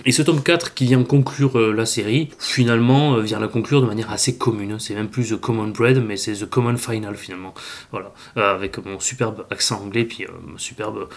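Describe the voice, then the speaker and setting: A man's voice: lowish voice, fairly even intonation, fairly quick. Hesitant, chatty male manga reviewer. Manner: hesitant, lots of filler sounds, chatty. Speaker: manga podcast host. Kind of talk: casual spoken review.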